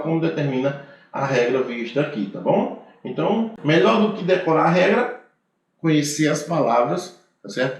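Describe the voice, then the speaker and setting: A male teacher with a Brazilian Portuguese accent giving a grammar lecture, explaining rules step by step and often checking in with "tá certo?". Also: a little high. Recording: very echoey room.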